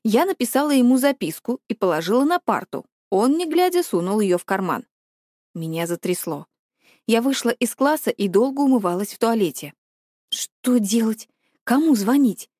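A woman reading a first-person audiobook aloud in an expressive, dramatic way. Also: a little high, no echo, clean studio sound. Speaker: audiobook narrator.

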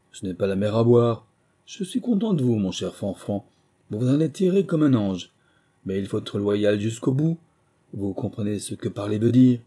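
A man voicing a boastful, jovial middle-aged recruiting officer who talks loudly and coaxingly. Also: fairly low pitch, breathy edge. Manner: loud, expansive, coaxing.

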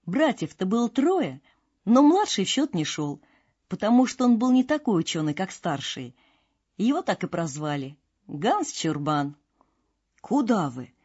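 Husky woman reading a fairy tale. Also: mid-range voice, moderate pace. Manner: expressive, storybook delivery. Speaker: narrator. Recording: dull lo-fi with faint music.

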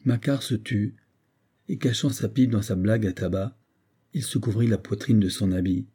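A man reads a classic tale aloud in a measured, even way. His voice is low, dark and husky, with little brightness. It sounds like a spoken audiobook. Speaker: reader. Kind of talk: audiobook narration.

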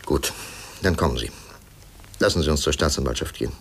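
An actor playing a stern, persistent male interrogator in a 1950s radio drama, pressing and measured. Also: extremely low pitch, vocal fry, a bit bright, husky, exaggerated voice. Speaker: investigator questioning a witness.

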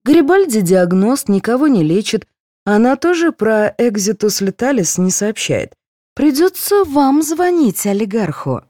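A woman's voice: on the high side, sing-song, unhurried, dark tone, no room sound, voice pushed up. A woman reading an audiobook, voicing a dry, sardonic female dentist. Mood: wry. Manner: wry, matter-of-fact.

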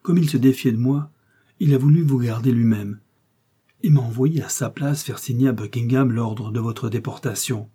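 A man's voice: medium pitch, moderate pace, mellow, slightly rough, close to an everyday voice. A man voicing a grave, devoted young officer, speaking in a solemn, earnest way. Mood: solemn, resolute.

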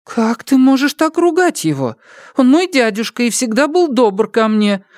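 A man voicing a warm, earthy peasant mother who teases and coaxes a foreign pastor. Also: big pitch swings, moderate pace, dry recording, studio quality. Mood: teasing. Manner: teasing, coaxing, raised higher voice.

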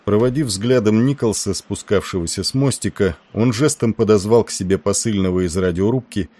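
A man narrating an audiobook war novel in a steady storytelling manner. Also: lowish voice, fairly quick, no room sound.

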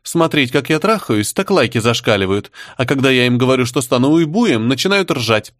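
A man's voice: medium pitch, lively intonation, fairly quick, a bit bright, no room sound, studio quality, voice pushed up, natural voice. A man voicing a sulky, snide young woman, the spoiled daughter, in an audiobook reading. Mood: pouty. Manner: pouty and snide.

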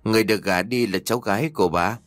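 A man voicing a calm, firm young nobleman in a spoken story. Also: lowish voice, no echo, lightly acted. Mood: stern. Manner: measured, firm.

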